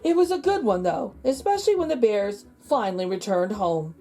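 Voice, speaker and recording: A woman's voice: medium pitch, lively intonation, moderate pace, warm tone. A woman voicing an exhausted but emphatic scout leader in a children's storybook. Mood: weary.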